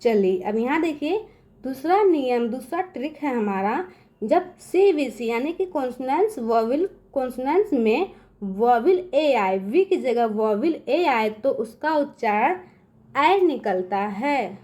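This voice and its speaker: This is a woman teaching a beginners' English lesson in a high, light voice. She explains letter sounds step by step and keeps checking that the children are following. When she spells a word, she slows down and draws out each sound. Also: animated, mellow. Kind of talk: classroom-style lesson explaining phonics rules.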